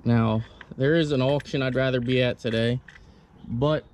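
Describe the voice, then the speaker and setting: A man's voice: mid-range voice, steady tone, normal speed, darkish tone, slight background noise. A man giving casual how-to commentary while working on a car outdoors, laid-back and chatty with plenty of fillers. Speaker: car vlogger. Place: outdoors on gravel by an engine hoist.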